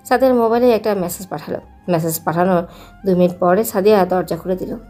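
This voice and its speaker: A young woman narrating a romantic audio story in a steady, unhurried way. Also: on the low side, soft background music.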